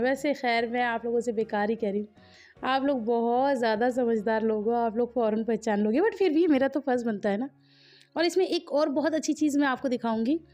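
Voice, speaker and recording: A woman's voice: fairly high pitch, darkish tone. A woman vlogger in a chatty voice-over, talking straight to her viewers and quizzing them as she narrates family wedding footage.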